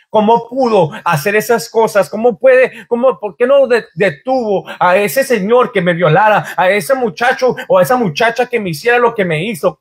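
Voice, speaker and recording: Man, pastor, sermon, high voice, pleading questions. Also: husky. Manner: preaching with rising, pleading questions. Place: church.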